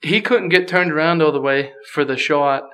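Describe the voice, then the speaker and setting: A man's voice: a little high, moderate pace, pushed and bright, clear, resonant tone. A man from Pennsylvania, a guest on a podcast, chatting casually and easily with many fillers. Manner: easygoing, many "you know" fillers. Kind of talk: casual chat.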